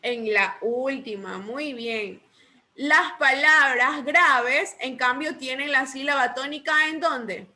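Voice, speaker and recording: A woman teacher with a high, bright voice runs a remedial lesson. She patiently quizzes her students with the same questions again and again, then spells out each rule slowly and deliberately. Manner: slow deliberate dictation of rules. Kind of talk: online remedial class.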